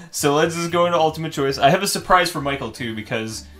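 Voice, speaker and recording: A man's voice: fairly high pitch, animated, moderate pace, fairly bright tone. A man casually commentating as he plays a game, his voice sounding tinny and metallic, like he is in a tin can. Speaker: host and player of a gaming series. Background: video game music.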